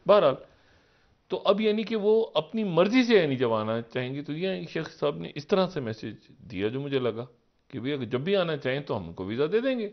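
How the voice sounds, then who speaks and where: A man giving political analysis on a live TV talk show. He rambles, poses rhetorical questions, and swings from low murmurs up to raised, emphatic peaks. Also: big pitch swings, normal speed, muffled recording. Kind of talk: live TV current-affairs commentary.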